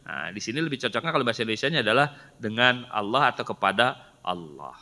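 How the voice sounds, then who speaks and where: A man's voice: medium pitch, expressive, fast, pushed and bright. A middle-aged man, giving a Quran study lesson and patiently explaining with rhetorical questions. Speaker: Quran teacher. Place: mosque hall. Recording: reverberant hall sound.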